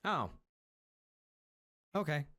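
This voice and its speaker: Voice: mid-range voice, sing-song, drawn-out words, bright, forceful tone, soft background music. A game streamer who reads the story aloud and gives casual commentary on it.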